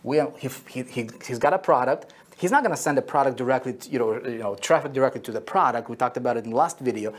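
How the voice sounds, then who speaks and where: Husky man teaching a marketing lesson. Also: mid-range voice, fast, hardly any pauses. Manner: checks in constantly with "okay?" and "right?"; repeats key phrases for emphasis. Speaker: online marketing instructor.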